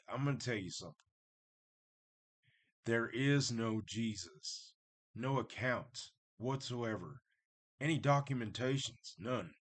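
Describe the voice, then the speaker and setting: Bright-ish and mid-range, this man's voice carries a loose, unscripted talk to viewers about Satanism. He is blunt and direct but rambles, circling back on himself.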